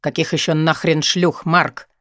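A man gives voice to a jaded young man who brushes off his friend with short, cold replies. The delivery stays flat and unhurried in a dry, close audiobook sound. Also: fairly high pitch, dry recording. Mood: weary, curt. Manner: flat, terse, irritated. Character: weary, cold young man, sullen and blunt.

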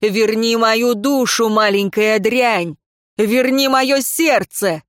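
A woman voicing a bitter imprisoned nobleman, speaking slowly and coldly with mockery. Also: on the high side, smooth, no room sound, clean studio sound, voice pushed up. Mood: furious. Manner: slow, cold, mocking.

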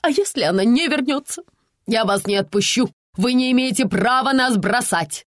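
A woman's voice: a little high, expressive, moderate pace, no room sound, studio quality, pitched above the performer's own voice, natural voice. A woman voicing an anxious, pampered middle-aged mother pleading shrilly. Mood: indignant.

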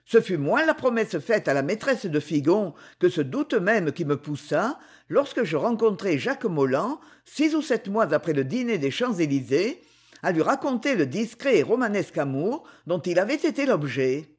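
A reader narrating a classic French story in an expressive, measured way. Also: mid-range voice, slightly rough. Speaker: audiobook reader. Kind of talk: literary narration.

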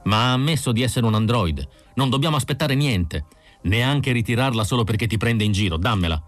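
A man's voice: mid-range voice, animated, brisk, no echo, faint music behind, voice pushed up, natural voice. A man reading an audiobook voices an arrogant, trigger-happy male bounty hunter with a brusque, scornful manner. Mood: insistent.

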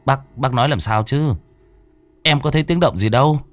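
A man's voice: medium pitch, moderate pace, no echo, pitched above the performer's own voice, close to an everyday voice. A man voicing a young male train assistant who talks casually and asks questions. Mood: puzzled.

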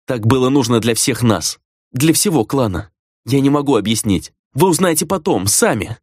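A man's voice: medium pitch, animated, normal speed, darkish tone, slightly rough, no echo, studio quality. Narrator guy doing a shaky young apprentice, guilty but set on it, voice trembling. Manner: strained, apologetic, voice trembling. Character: young male apprentice necromancer, guilt-ridden and resolved.

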